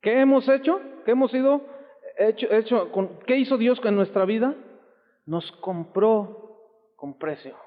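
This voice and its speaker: High-pitched and a bit slow, this Mexican man delivers a sermon as a pastor, full of emphasis and exclamation, acting out quoted voices in his stories. It comes from an old church recording, tinny and lo-fi in the 1990s way, with lingering hall reverb.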